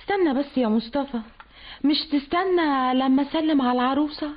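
An actress playing a sarcastic, defiant Egyptian daughter in a radio drama. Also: female voice, sits high, a little fast, natural voice. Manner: sarcastic, confrontational. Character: proud defiant grown daughter. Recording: dull lo-fi radio recording.

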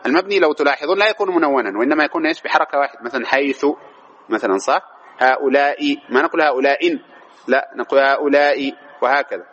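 A man's voice: fairly high pitch, fairly bright tone, muffled recording. A man teaching a grammar lesson, constantly quizzing his students with repeated questions.

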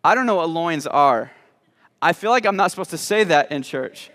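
A male pastor with a slightly high, somewhat bright voice preaches a sermon in a church sanctuary, sounding animated at a moderate pace in a large hall. He talks in a conversational, joking way, with frequent false starts and repeated words.

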